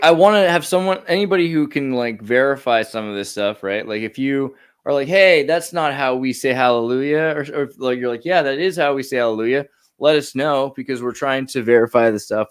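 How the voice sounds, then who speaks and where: A man's voice: medium pitch, clean tone. A man co-hosting a podcast, chatting casually and upbeat with lots of filler words. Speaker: podcast co-host.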